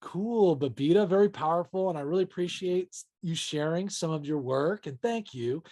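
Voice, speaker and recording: A man's voice: a little high, normal speed, warm tone. Rambling enthusiastic male interviewer. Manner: rambling, enthusiastic, many fillers. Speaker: interview host. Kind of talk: casual interview questions.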